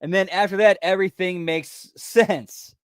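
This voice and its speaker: High-voiced man giving casual movie commentary. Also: steady tone, unhurried, smooth, no echo, studio quality. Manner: informal, slangy, often says dude and pal. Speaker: film reaction host.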